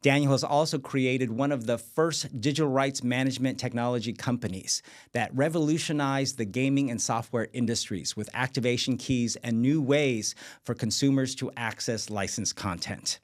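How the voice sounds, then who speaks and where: A man in his fifties hosts an interview in a middle-pitched voice. He reads polished introductions and asks his guest probing questions. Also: normal speed. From Vietnam, raised in the United States. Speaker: host. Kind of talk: interview host.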